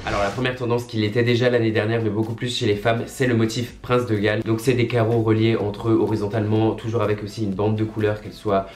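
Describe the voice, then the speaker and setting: Fast-talking young man with a cold, roomy sound. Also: fairly low pitch, level tone, a little mellow. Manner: rambling, self-interrupting, slangy. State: has a cold, says he is ill. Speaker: fashion vlogger. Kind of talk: casual chat to camera. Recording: roomy indoor echo.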